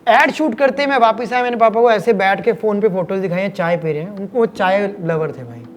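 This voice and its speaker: A man in his late thirties from Haryana, speaking in a notably high register as an interview guest. He tells his stories in a lively, anecdotal way and slips into other people's voices. Soft music plays faintly underneath. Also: fairly quick. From Kurukshetra, Haryana, India. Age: late 30s. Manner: animated anecdotal storytelling, acting out voices. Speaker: cricket commentator and guest. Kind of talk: podcast interview storytelling.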